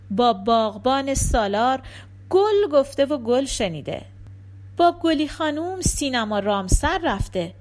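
A woman narrating an audiobook story with expressive, lively storytelling. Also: high voice.

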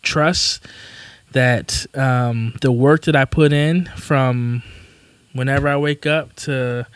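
A man of about thirty talks as a podcast guest, earnest and a little halting, reaching for words with frequent "um"s. His middle-pitched voice comes across dry and close, with no room sound. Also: steady tone, clean tone, no room sound. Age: 30s. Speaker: guest, coffee business owner. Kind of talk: casual interview chat.

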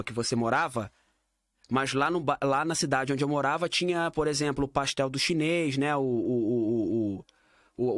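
A Brazilian man with a Brazilian Portuguese accent talks in a relaxed, casual conversation, often stumbling and repeating words while searching for what to say. His voice is mid-range, and the recording is studio quality with no room sound.

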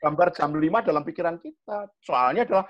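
Speaking fast, a communication coach with a Javanese accent explains things to young people in a relaxed, lively chat. His fairly high voice swings widely as he acts out little scenes, punctuated by sharp, raised-voice quotes. The recording sounds dull and lo-fi.

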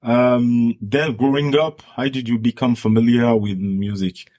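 A man's voice: medium pitch, fairly even intonation, unhurried, darkish tone. A man whose first language is French, hosting a podcast interview in English in a friendly way, often repeating words. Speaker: podcast host.

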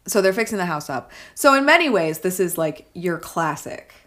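A woman's voice: fairly low pitch, very animated, moderate pace, fairly bright tone. A woman co-hosting a casual film discussion, chatty and filler-heavy, often checking in with "right?". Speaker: podcast co-host.

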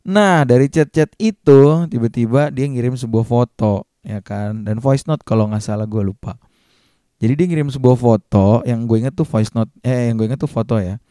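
Mellow-voiced young man telling a story. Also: medium pitch, normal speed, no echo, studio quality. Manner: lively slangy retelling, acts out quotes in a raised voice. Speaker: vlogger. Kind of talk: casual storytelling.

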